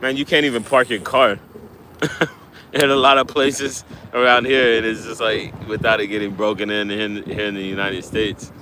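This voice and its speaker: Man, low voice, casual live-stream chat, rambling, fishing outdoors, windy mic noise. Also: flat delivery, moderate pace. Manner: rambling, laid-back, many fillers and restarts. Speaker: livestreaming angler. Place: outdoors by the water while fishing.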